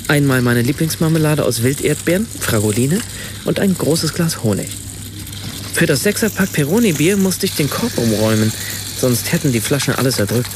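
In a scripted radio play, an actor portrays a reflective German writer and father who narrates his own everyday story in the first person. His voice is medium-pitched and natural, with background noise.

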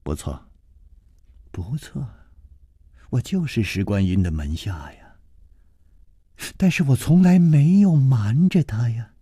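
A man voicing a proud young woman who speaks softly and shakily. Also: mid-range voice, big pitch swings, takes it slowly, long pauses, dry recording, studio quality, heavily acted. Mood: trembling. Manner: soft, shaky and breathy. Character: trembling proud young woman, a villain's disciple.

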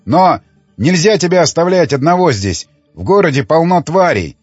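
A man's voice: on the high side, lively intonation, moderate pace, breathy edge, no echo, soft background music, voice pushed up. A man voicing an anxious, obedient male monk who speaks in a raised, urgent way. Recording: dull lo-fi dry recording.

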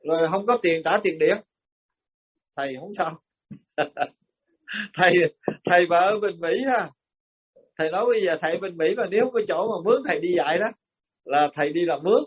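A Buddhist monk with a Southern Vietnamese accent delivers a sermon as folksy storytelling, chuckling often and addressing his listeners directly. His high, slightly rough voice moves at normal speed with frequent pauses, in a muffled lo-fi recording.

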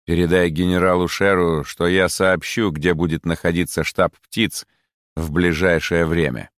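A cold, deep-voiced robotic hawk admiral and secret traitor, played by a male narrator. He speaks slowly, with icy authority. The sound is dry and close. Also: flat delivery, no room sound, natural voice.

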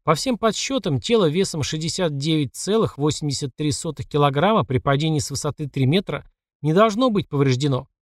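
A man reading a first-person audiobook, who delivers the system messages in a clipped, flat report tone. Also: on the high side, fairly quick, no echo, clean studio sound. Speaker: audiobook narrator.

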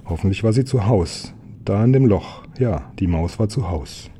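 A man calmly reading a children's story aloud. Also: fairly low pitch, moderate pace, slight background noise. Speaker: storybook reader.

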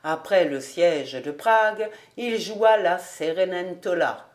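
A woman reading a classic novel aloud as a volunteer audiobook narrator, in a calm, even storytelling manner. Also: fairly low pitch, slow. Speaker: audiobook reader.

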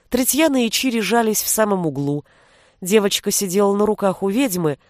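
A woman narrating a fantasy audiobook in an even storytelling voice. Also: mid-range voice, no room sound, studio quality.

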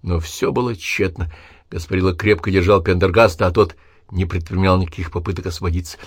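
A man with a very deep voice narrates an audiobook in a measured, even style. The recording is dry and close to the mic, with no room sound. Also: husky, dry recording. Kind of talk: scripted narration.

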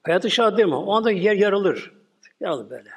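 A man's voice: high-pitched, expressive, a little fast, breathy edge. An older man, giving a rambling religious sermon that keeps trailing off into mumbled repeats. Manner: rambling, repeats filler words, drops to mumbles. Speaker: Islamic preacher.

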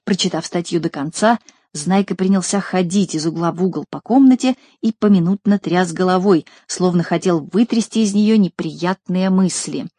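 A woman reading a children's story aloud in an expressive, lively narrating manner. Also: fairly low pitch, moderate pace, dry recording, clean studio sound. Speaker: audiobook reader.

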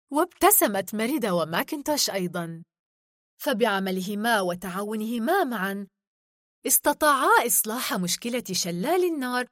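A woman narrating a children's story in an expressive, melodic way. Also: mid-range voice, dry recording, studio quality.

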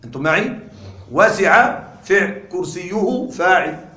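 High-voiced man teaching in an echoey room. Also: animated, pushed and bright. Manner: quizzes the class with frequent questions; repeats key points deliberately. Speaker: grammar teacher. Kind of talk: classroom lecture. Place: classroom.

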